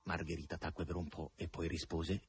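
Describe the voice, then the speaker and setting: A man reading an audiobook, with measured literary narration. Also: extremely low pitch, level tone, husky. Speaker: audiobook reader.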